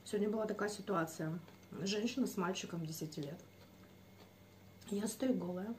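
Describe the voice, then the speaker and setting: A young woman talks in a blunt, casual way with her mouth partly full, and she. Her voice is warm and low in brightness. A faint hum of room noise sits behind her. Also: moderate pace. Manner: blunt, swears freely. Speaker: vlogger. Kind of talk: casual mukbang chat.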